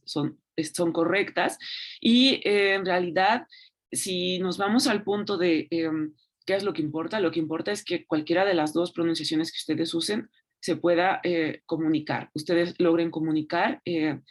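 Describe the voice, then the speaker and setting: A woman giving an online lecture, speaking unhurriedly with frequent fillers and tag questions. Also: on the low side. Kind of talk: online lecture on Latin pronunciation.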